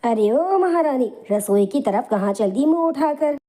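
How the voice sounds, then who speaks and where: A woman voicing a cruel middle-aged aunt who scolds and taunts in a harsh, bullying manner in an animated storybook. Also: on the high side, normal speed, a little hiss or hum, natural voice. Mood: harsh scolding.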